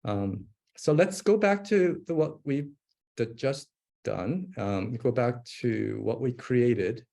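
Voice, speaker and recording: Speaking slowly with lively intonation, a man with a medium-pitched, dark voice and some vocal fry walks through a software demo in a live webinar. He thinks aloud as he types, with many fillers and restarts.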